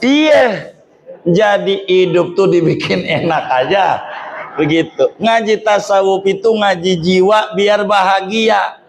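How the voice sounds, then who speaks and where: This religious teacher's voice sits high and steady, a little slow, with vocal fry. He addresses a gathering with a humorous Islamic study sermon full of colloquial Jakarta slang.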